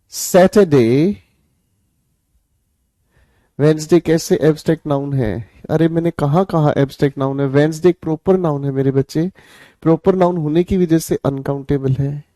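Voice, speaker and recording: A man's voice: on the high side, warm tone, dry recording. Coaxing, playful male teacher. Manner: coaxing, repeats questions and answers them himself; jokey, scolds students playfully. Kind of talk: live online grammar class.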